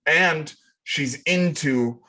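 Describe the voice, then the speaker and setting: A man's voice: a little high, very slow, bright, forceful tone. A man co-hosting a casual podcast chat, sarcastic and profane, mocking what he discusses. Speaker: podcast co-host.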